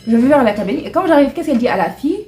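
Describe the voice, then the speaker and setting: Young woman doing a storytime vlog, kinda high voice, indignant, echoey room. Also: expressive, racing, a little mellow, a little hiss or hum. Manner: chatty and indignant, mixing in English and Wolof. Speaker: vlogger.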